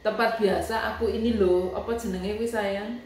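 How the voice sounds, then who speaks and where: A woman's voice: mid-range voice, fairly even intonation, moderate pace, a little mellow. A woman with a Javanese accent talks casually to her viewers, chatty and emotional, slipping between languages. Her voice sits in the middle range. The room is very echoey, with a faint hum of ambient noise behind her. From Yogyakarta, Java, Indonesia. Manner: chatty, emotional, mixes Javanese, Indonesian and English. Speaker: vlogger.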